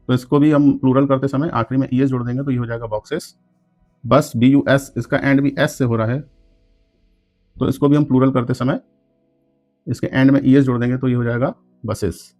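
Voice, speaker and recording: Teaching in Hindi, a man walks through English grammar rules step by step in a classroom lesson, spelling words out letter by letter. His voice is medium-pitched with a darkish tone.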